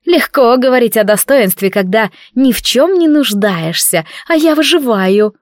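In this audiobook, a spiteful young maid hisses her words through her teeth, mocking and venomous, as a woman narrator puts her on. Her voice sits a little higher and louder than the narrator's own. The reading is close and dry. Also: animated, normal speed, dry recording, natural voice. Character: spiteful jealous young maid, sharp-tongued and hissing.

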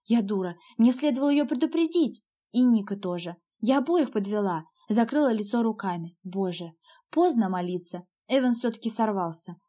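A woman's voice: on the high side, animated, normal speed, mellow. A woman narrating a first-person novel as an audiobook, with an emotional, dramatic delivery.

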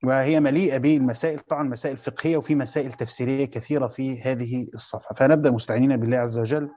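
A man's voice: medium pitch, fairly even intonation, racing, darkish tone, dull audio. A man with an Egyptian Arabic accent teaching a lesson, explaining step by step and repeating his own questions. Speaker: teacher of Quran commentary. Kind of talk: classroom lecture.

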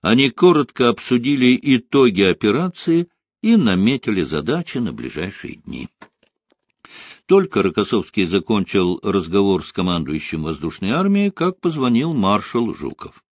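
Guy narrating an audiobook, expressive, dry close mic, no room sound. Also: lowish voice, dry recording. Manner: measured and expressive. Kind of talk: scripted narration of a historical novel.

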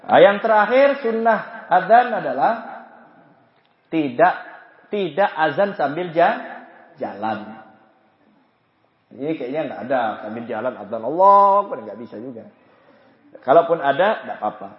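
A man leads a religious study class with a high, animated voice that jumps around in pitch. He jokes, acts out small scenes, and breaks into chanted prayer phrases to show how they go. The recording is roomy and slightly dull. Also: unhurried, pauses often. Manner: lively, joking, acts out anecdotes. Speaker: religious teacher. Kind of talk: Islamic study lecture. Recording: echoey, dull lo-fi room recording.

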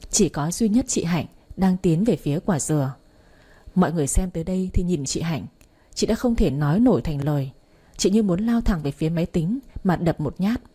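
A woman narrating a dramatic family story in the first person, in a steady storytelling way. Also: on the low side, husky.

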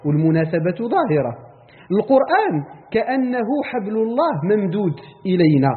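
A man's voice: high voice, in a large hall, phone-quality sound. A man with a Moroccan accent teaching Quran commentary in a lecture. He explains terms step by step, repeats key words and checks whether the class follows.

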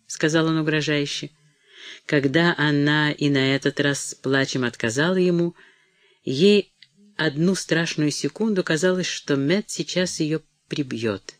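A man reading a novel aloud in a measured narrating voice. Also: on the high side, dry recording, studio quality. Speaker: audiobook reader. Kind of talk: scripted narration.

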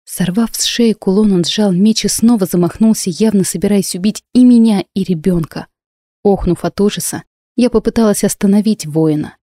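A woman narrating a first-person fantasy audiobook in a steady, expressive storytelling manner. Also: medium pitch, normal speed, no echo, clean studio sound.

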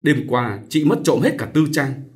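A man's voice: medium pitch, big pitch swings, normal speed, a little mellow, voice pushed up, natural voice. A man voicing a distressed young married woman, an elder sister who pleads and weeps. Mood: tearful. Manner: tearful, pleading.

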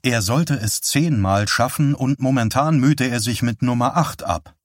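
A man narrating an audiobook in a calm, even reading voice. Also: mid-range voice, a little slow, dry recording, studio quality. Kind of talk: scripted narration.

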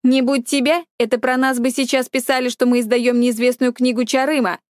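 Woman narrator doing a jealous, scolding young colleague in a storybook; higher, sharp delivery, no room sound. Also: little pitch movement, brisk, no room sound, studio quality, close to an everyday voice. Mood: indignant. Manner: indignant, scolding. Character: haughty jealous young female office colleague.

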